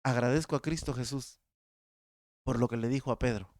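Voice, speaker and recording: A man with a Mexican accent preaching a sermon, emphatic, slowing down and swinging his pitch to stress points. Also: steady tone, a little mellow, no room sound, clean studio sound. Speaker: pastor.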